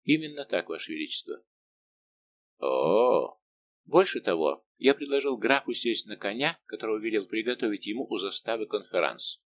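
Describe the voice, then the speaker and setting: A man reading an audiobook, voicing a middle-aged musketeer captain who answers calmly, respectfully and without yielding. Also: fairly low pitch, normal speed, lo-fi sound, close to an everyday voice. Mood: calm defiant. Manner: calm, steady, respectful but unbending.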